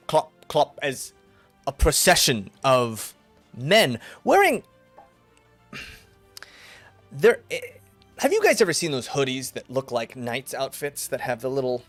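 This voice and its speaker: A man narrating an improvised tabletop game as game master in a halting, casual storytelling way. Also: medium pitch, sing-song, a bit bright, dry recording. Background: music.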